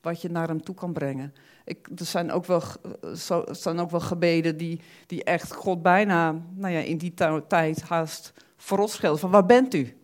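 A woman preaching a sermon in an animated way, often repeating words and acting out the thoughts she quotes. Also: fairly low pitch, normal speed.

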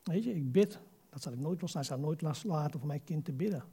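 An older man delivers a sermon in a high, gravelly voice with a husky edge. He exhorts his listeners earnestly and keeps throwing rhetorical questions at them. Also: expressive, fast, dark tone. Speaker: preacher.

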